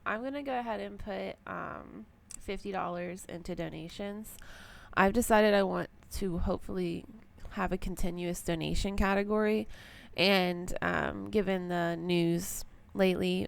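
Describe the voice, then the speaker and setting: A young woman walks through her budget in a loose, rambling way, full of ums and likes. Her voice is scratchy and gravelly with fry, as if she has just woken up. Her pitch sits in an ordinary middle range. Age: young adult. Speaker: personal finance vlogger. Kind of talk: casual budgeting walkthrough.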